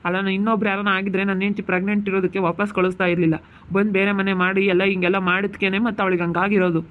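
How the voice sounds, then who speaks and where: A man's voice: sits high, level tone, racing, phone-quality sound, lightly acted. A man playing an angry young husband who keeps scolding. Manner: heated, repetitive scolding. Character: angry young husband guarding his sick wife. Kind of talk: amateur village family drama.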